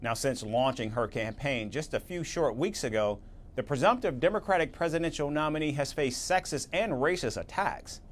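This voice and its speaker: A man anchoring a news report, reading a script in a measured, even-toned way. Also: mid-range voice, a little hiss or hum.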